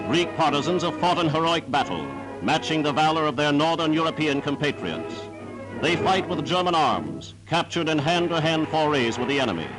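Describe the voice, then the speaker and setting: A man's voice: fairly high pitch, low-quality recording. A man reading scripted 1940s newsreel narration in a formal, declamatory manner on a period soundtrack.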